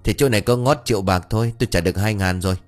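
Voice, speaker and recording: A man's voice: lowish voice, rapid-fire, faint music behind, close to an everyday voice. A man voicing a stubborn, boastful old man who blusters and defends his choices. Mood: defensive.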